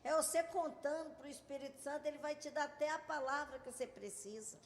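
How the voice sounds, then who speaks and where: A woman reverend guest telling a personal testimony in casual church chat, animated and acting out the dialogue. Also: high-pitched, a little fast. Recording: long hall reverb.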